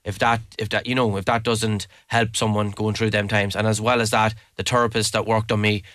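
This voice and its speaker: Irish male interview guest, bright and punchy tone, enthusiastic, emphatic, casual delivery, dry sound. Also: on the low side, little pitch movement, brisk, no room sound. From Leitrim, Ireland. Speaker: interview guest, mountain adventure guide. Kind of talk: casual spoken interview answers.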